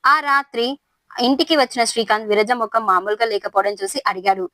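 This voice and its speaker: A woman narrating a serialized family story in a steady, measured way, recorded close to the mic. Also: on the high side, dry recording.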